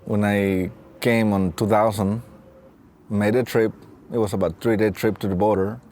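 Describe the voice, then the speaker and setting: Over soft plucked guitar music, a man in his late thirties with a Mexican accent reflects on his personal story in a halting way for a training film. He works as a facilities and safety technician and trains staff. His fairly low voice keeps a fairly even intonation, and there is slight background noise.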